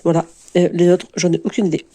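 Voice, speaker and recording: A woman's voice: fairly low pitch, little pitch movement, fast, mellow. A woman in her forties from France, chatting casually to camera in a rambling, self-mocking way with many hesitations. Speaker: book vlogger.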